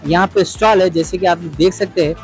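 A man's voice: high voice, fairly even intonation, brisk, soft background music. A man giving a chatty, upbeat walking tour of a big supermarket as host of his vlog. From Hyderabad, India. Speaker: vlogger and host. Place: large busy supermarket indoors.

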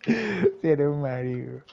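A man's voice: a little high, gravelly, breathy edge, muffled recording. A man chatting casually with teammates during an online game, joking and swearing freely. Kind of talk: casual gaming voice chat.

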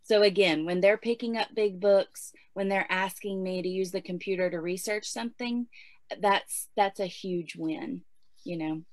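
A woman's voice: medium pitch, normal speed, dry recording. A woman in her forties giving casual homeschooling advice in a chatty way, with many fillers. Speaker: homeschooling guest speaker.

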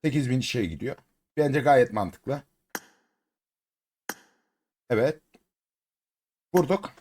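Excitable Turkish man chanting over a game. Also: mid-range voice, takes it slowly, a little hiss or hum. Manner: excitable, chanting repeated words, coaxing his cat. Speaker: mobile game streamer. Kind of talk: casual gameplay commentary.

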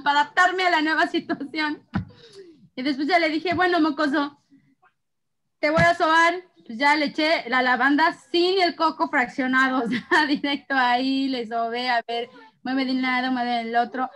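High-voiced Mexican woman telling lively stories. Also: normal speed. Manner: animated storytelling, laughing often. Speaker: co-host of an essential oils channel. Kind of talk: casual chat between sisters.

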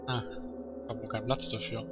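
A man's voice: lowish voice, flat delivery, a little fast. Man muttering casual gameplay commentary. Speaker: let's play commentator. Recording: loud game music behind voice. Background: video game music and sounds.

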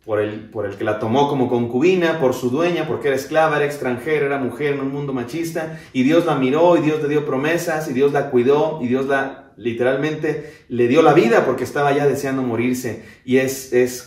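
A young adult man, a pastor, talking quickly and with enthusiasm and then singing with an acoustic guitar in a living room. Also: medium pitch. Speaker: pastor and singer-songwriter. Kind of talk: casual introduction and singing with guitar. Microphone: far camera. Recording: echoey room, loud guitar.

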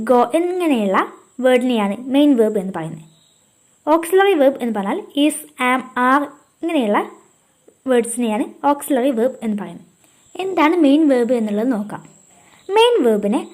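A woman teaching a grammar lesson from a script, explaining in measured steps and saying English example sentences very slowly. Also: high voice, sing-song.

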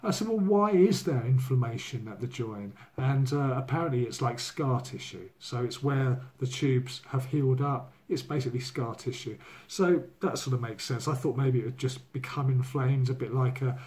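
A man in his sixties records a casual personal video diary as a vlogger, his voice hoarse from a cold, medium in pitch and darkish in tone at normal speed. He talks candidly and rambles with lots of fillers. He's in his living room at home, captured by a laptop or phone camera at his desk.

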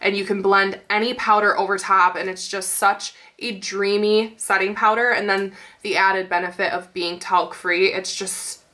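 Bright-voiced nasal young woman vlogger. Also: medium pitch, flat delivery, moderate pace. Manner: gushing, lots of "like" fillers. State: stuffy nose. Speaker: beauty vlogger. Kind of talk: casual chatty product review.

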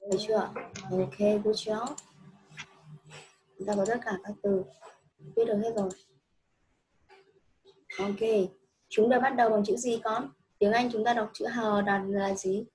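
A woman's voice: medium pitch, steady tone, unhurried, long pauses, darkish tone, rough recording. A woman teaching a child English, patient and coaxing, repeating each answer back. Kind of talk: one-on-one children's English lesson.

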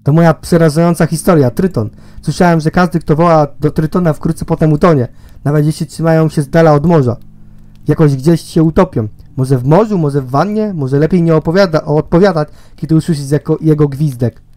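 A man's voice: a little high, a little fast, dark tone. A man reading a story game aloud in a let's play, with laughs and swearing between lines.

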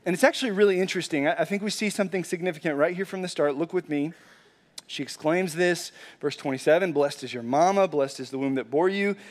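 A pastor preaching a sermon in a conversational, animated way, often saying "like" and restarting phrases. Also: male voice, on the high side, quick pace. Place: church sanctuary.

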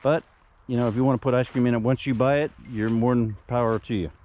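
A man's voice: mid-range voice, fairly even intonation, fast, a little mellow, muffled recording. A man filming himself outdoors in a yard, going through items from a storage unit in a loose, rambling way with lots of fillers. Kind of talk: casual filmed walkthrough. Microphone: handheld camera, first-person view.

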